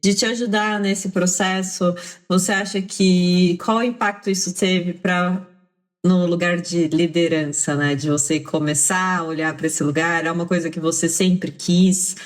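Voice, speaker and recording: A woman's voice: lowish voice, steady tone, measured pace. A Brazilian woman co-hosting a podcast, asking reflective follow-up questions in an encouraging way. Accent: Brazilian Portuguese. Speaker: podcast co-host. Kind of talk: casual interview chat.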